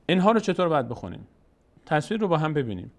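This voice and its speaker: A man giving a recorded lesson on reading the Quran. He explains patiently, asks questions and answers them himself, and draws out the sounds slowly when he demonstrates them. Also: on the high side, big pitch swings. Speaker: Quran recitation teacher.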